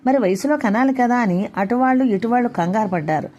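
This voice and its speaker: A woman author narrating her own short story, reading in a plain, steady way. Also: on the high side, brisk, highs cut off, a little hiss or hum.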